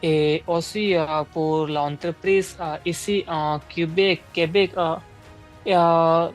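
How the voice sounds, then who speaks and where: A woman candidate in a speaking exam role-play, speaking a second language. She talks slowly and a little low, stopping often to search for words and restarting her sentences. Faint music plays behind her. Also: fairly even intonation, rough recording. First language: not French. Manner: halting, many fillers and restarts.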